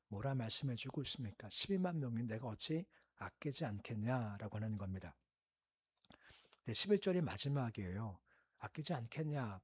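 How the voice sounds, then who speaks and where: A male pastor giving an early-morning prayer sermon, explaining in a calm conversational teaching tone and asking the listeners questions. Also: medium pitch, slightly rough.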